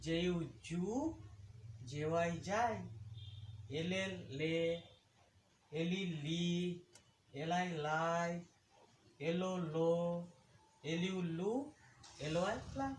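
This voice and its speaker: A man's voice: a little high, drawn-out words, long pauses. A man teaching a phonics lesson, reciting letter sounds one by one in a drilled, sing-song rhythm. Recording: echoey room with faint background noise.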